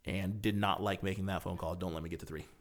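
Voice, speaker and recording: A man's voice: deep voice, fairly even intonation, fast talker. A man co-hosting a casual podcast, earnestly explaining rules and quoting what he tells kids. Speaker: podcast co-host.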